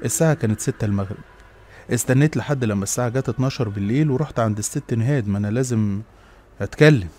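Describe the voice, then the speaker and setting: A man's voice: mid-range voice, very fast, a little mellow. Egyptian man narrating horror. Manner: dramatic, confessional. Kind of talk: first-person horror storytelling.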